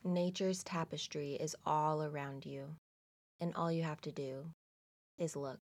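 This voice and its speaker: A woman narrating a guided meditation slowly and soothingly, in a hushed delivery with long pauses. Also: low voice, fairly even intonation.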